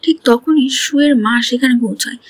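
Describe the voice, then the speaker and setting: Breathy, high-voiced woman narrating a drama recap. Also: fairly quick, dry recording. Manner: retells scenes and reads all characters' lines in her own voice.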